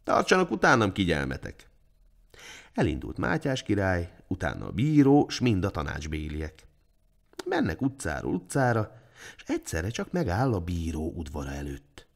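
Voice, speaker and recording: Lively storybook narrator, man. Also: low-pitched, creaky. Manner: old-fashioned folk-tale telling, addresses the children.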